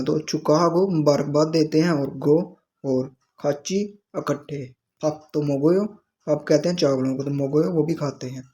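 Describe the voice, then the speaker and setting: A man's voice: on the high side, warm tone. A man teaching a language lesson, explaining the dialogue word by word. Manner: explains word by word, with frequent restarts.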